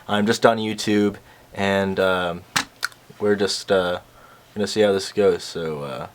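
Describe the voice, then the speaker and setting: A man's voice: low-pitched, fairly even intonation, a little slow. A young man casually reacting to an infomercial, sarcastic and rambling with lots of fillers.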